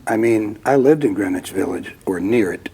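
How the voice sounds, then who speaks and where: An older man hosting a casual interview, reminiscing in an animated way with lots of "I mean". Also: fairly low pitch, normal speed. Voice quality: gravelly, husky. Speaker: host.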